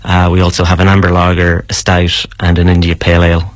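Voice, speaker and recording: A man's voice: low-pitched, monotone, quick pace, no room sound. A man explaining things as an interview guest, casually and hesitantly, repeating words as he goes.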